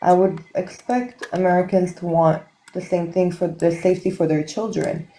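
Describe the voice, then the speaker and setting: A woman's voice: fairly low pitch, fairly even intonation, normal speed, warm tone, slight background noise, poor audio. A woman from Israel arguing earnestly on a live stream, repeating her points. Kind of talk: heated political debate.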